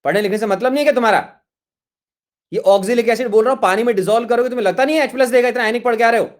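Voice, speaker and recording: A middle-aged Indian man with a high voice lectures an online chemistry class. He scolds students over their chat questions with exasperation, repeating the same reproaches again and again. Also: very fast.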